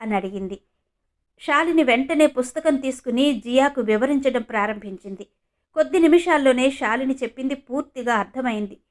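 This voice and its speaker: A woman reading a scripted story as narrator, in an even storytelling manner. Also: high voice, brisk.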